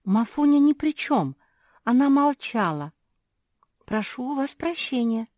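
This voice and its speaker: A gentle, sweet-toothed pug seamstress from a storybook, voiced by a woman. Her voice sits high, soft and earnest, lively in tone. Dry, close sound. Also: unhurried, no room sound, full character voice.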